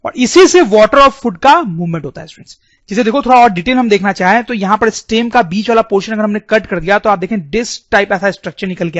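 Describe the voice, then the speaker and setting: Man, high voice, explains over diagrams, repeats key words; lo-fi dry recording. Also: a bit bright, no echo. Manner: repeats key terms, keeps addressing students. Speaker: teacher. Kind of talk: biology lesson over diagrams. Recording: dull, dry lo-fi sound.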